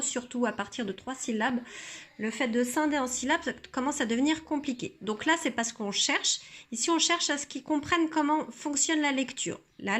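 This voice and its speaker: A woman teacher calmly explaining a reading method, sounding out syllables slowly and carefully. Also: on the high side. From France. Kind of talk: instructional demonstration.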